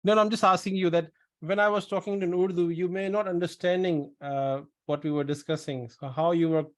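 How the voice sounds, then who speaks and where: A man's voice: high voice, steady tone, a little fast. A man from Pakistan hosting a pharmacist webinar over a video call, explaining at length and often repeating words. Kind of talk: casual webinar Q&A.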